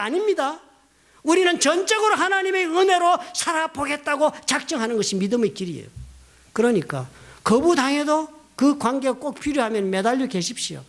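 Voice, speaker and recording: A middle-aged man from South Korea, a pastor preaching a sermon in a church, telling personal stories with lively emphasis. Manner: storytelling, animated, rising emphatic pitch, quoting others. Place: church sanctuary.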